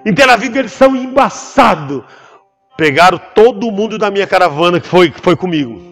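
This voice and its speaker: A man with a Brazilian Portuguese accent, a pastor giving an animated testimony in church and acting out the voices in his story. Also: sits high, fairly quick. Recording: long hall reverb with faint music behind.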